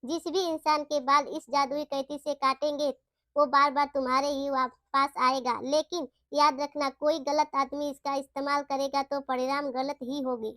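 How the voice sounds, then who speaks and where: A woman voicing a kindly old wandering holy man in a storybook tale, speaking gently. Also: high-pitched, flat delivery, moderate pace, no room sound. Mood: solemn. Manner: gentle, blessing tone.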